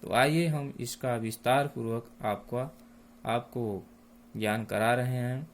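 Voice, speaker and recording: A man teaching a class lesson, speaking slowly and deliberately and lingering on each sound. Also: mid-range voice, steady tone.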